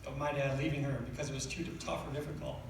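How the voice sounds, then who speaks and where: A man's voice: mid-range voice, flat delivery, fast talker, vocal fry. Echoey, faltering tender eulogy from a man. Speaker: son giving a eulogy. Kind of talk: personal funeral speech, partly read from notes. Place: large reverberant indoor room. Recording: echoey room, distant mic, faint noise.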